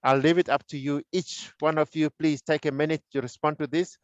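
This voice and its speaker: A man's voice: fairly high pitch, fairly even intonation, fairly quick, no room sound. A man hosting a webinar panel who politely keeps track of time and invites the panelists to respond. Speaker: host.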